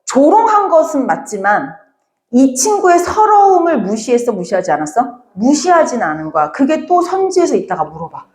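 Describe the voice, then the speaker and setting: A woman teaching a Korean literature class, lively and talking straight to her students, now and then acting out the characters' lines. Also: high voice, normal speed, reverberant. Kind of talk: classroom lecture.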